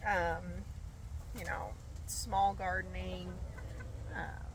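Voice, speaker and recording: A woman's voice: medium pitch, a little slow. A congested woman, under the weather, chatting casually and getting sidetracked as she shows her chickens outdoors. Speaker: homesteading vlogger. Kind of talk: casual chat to camera. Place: backyard by chicken coops, outdoors. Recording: outdoor noise with clucking chickens and roosters. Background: chickens and roosters.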